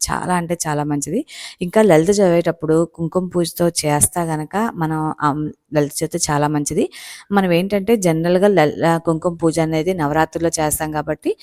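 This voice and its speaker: Low-voiced woman explaining patiently. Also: a little mellow. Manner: patient, explains step by step, many fillers. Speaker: home-maker channel host. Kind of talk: casual home tutorial.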